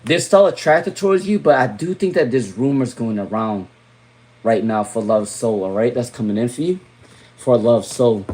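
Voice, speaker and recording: A man's voice: mid-range voice, moderate pace, darkish tone. Man giving live tarot readings. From Rhode Island. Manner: repeats viewer names, drops to mutters while shuffling. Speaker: tarot reader.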